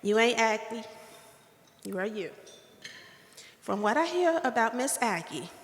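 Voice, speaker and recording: A woman gives the keynote at an awards dinner in a hotel ballroom, her light, girlish voice playful and preacherly at the podium mic as the room answers back. She speaks high and sing-song at an unhurried pace, with echoey reverb and a little hiss or hum.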